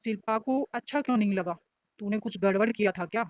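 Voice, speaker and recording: A woman's voice: mid-range voice, fast talker, natural voice. A joking, nosy young college guy ribbing his friend, as a woman reads him in an audio story. His voice sits mid-range and sounds a little dull and lo-fi. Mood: teasing. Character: teasing young male college student.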